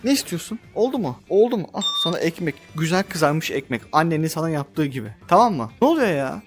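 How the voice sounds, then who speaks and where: A man commenting on his VR game in an exasperated, bantering way, with loud outbursts. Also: a little high, lively intonation, brisk, music in the background. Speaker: gaming video host.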